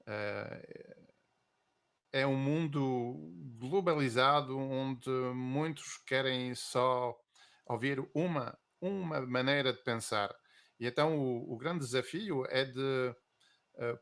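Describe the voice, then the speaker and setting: A slow-speaking man gives reflective interview answers. He pauses often and fills the gaps with drawn-out "ahm" and "eh" sounds while he picks his words. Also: medium pitch, a bit bright. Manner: reflective, hesitant with many drawn-out fillers. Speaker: guest.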